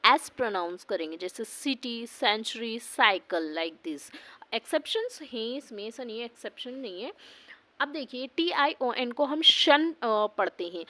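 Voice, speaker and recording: Woman English teacher, slightly high voice, dry sound; spells words slowly, answers her own questions. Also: lively intonation, sharp tone, no room sound. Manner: asks the class questions and answers them herself; spells words letter by letter and repeats them slowly. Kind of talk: pronunciation lesson.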